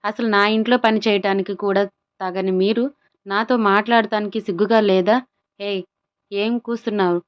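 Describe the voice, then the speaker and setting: A woman's voice: mid-range voice, steady tone, normal speed, clear, resonant tone, highs cut off, natural voice. A woman reading a story aloud, voicing a haughty, stern rich father who looks down on others. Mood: scornful. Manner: contemptuous, stern.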